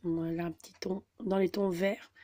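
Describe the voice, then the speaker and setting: Woman vlogger, mellow and warm, chatty and halting, recorded on a camera mic at her table. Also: on the low side, little pitch movement. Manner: chatty, hesitant, many fillers. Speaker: scrapbooking vlogger. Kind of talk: casual haul video.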